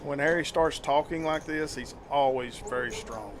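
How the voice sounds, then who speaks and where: A man's voice: fairly high pitch, moderate pace, a crowd in the background. A man co-commentating a live poker game, breaking down what each player holds and intends. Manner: analytical, reads players' intentions.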